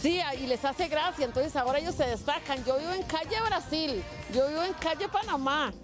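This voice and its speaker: A woman's voice: sits high, a little fast. A Costa Rican woman in her fifties, a neighborhood resident explaining things casually to a reporter outdoors, with some restarts. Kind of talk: casual interview. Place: outdoors in a park. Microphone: handheld reporter mic. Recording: music bed behind.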